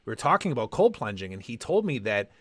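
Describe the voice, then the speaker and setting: A man's voice: medium pitch, big pitch swings, fast talker, breathy edge, dry recording. A man hosting a podcast, telling personal stories in a casual, conversational way and acting out quoted dialogue. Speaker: podcast host.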